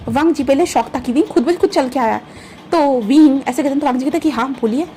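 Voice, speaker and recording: A woman telling a fan fiction story in a casual, chatty way, talking straight to her listeners. Her voice is high and mellow, and she narrates at a quick clip. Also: slight background noise. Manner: chatty, addresses listeners as "bhai".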